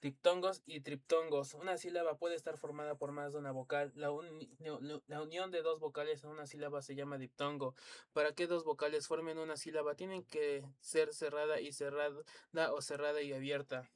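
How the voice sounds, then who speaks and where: A man's voice: a little high, flat delivery, no room sound. Stumbling man reading a textbook aloud. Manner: halting, stumbles and restarts words, spells out letters, drops asides. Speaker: reader of an encyclopedia.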